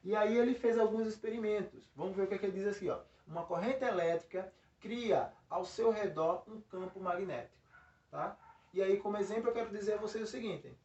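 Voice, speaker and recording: A man's voice: sits high, fairly quick, darkish tone. Male teacher at the board, mic far off, dull roomy sound, keeps checking in. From Brazil. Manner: explains with frequent check-in tags and restarts. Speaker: physics teacher. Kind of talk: recorded classroom lesson. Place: classroom by a board.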